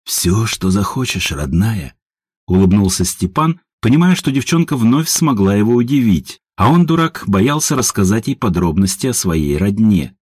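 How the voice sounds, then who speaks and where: Animated, husky male audiobook narrator. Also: on the low side, normal speed, no room sound, clean studio sound. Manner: expressive, animated reading.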